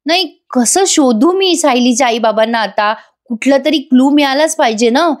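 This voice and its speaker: A woman's voice: high voice, animated, normal speed. Lady voicing a young guy muttering to himself, puzzling it out. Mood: musing. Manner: musing, talking to himself. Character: brooding young man thinking aloud, puzzled.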